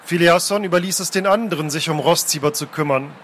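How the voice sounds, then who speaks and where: A man reading fantasy adventure prose aloud, taking turns with a second reader and shouting out the characters' cries. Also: on the high side, fast, slight background noise. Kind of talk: dramatic book reading, alternating narration.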